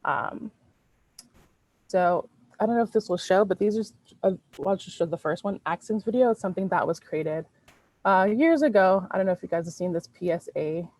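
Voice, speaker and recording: Gravelly low-voiced woman presenting. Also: lively intonation, fairly quick, a little mellow, no echo, low-quality recording. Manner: informal, many ums and self-corrections. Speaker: fair housing presenter. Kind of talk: presentation at an online meeting. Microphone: video call.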